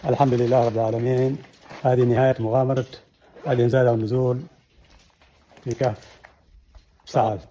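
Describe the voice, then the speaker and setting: A man's voice: medium pitch, level tone, fairly quick, pauses often, dark tone. An Omani man hosting an adventure vlog on location, narrating and asking short interview questions. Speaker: host interviewing participants of an outdoor adventure. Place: outdoors on rocky ground at a cave. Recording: faint outdoor background noise.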